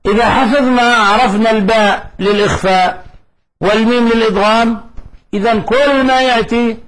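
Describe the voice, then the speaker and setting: A man with a fairly high voice leads a Quran recitation class. He explains the rules patiently, stops to quiz his students, and sounds out individual letters to show where they are formed. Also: steady tone, normal speed, a bit bright, a little hiss or hum, low-quality recording. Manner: quizzes students and demonstrates letter sounds aloud. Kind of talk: tajweed lesson to students.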